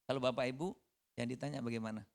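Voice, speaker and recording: A preacher giving a conversational sermon, lively and acting out the dialogue. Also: medium pitch, quick pace, creaky.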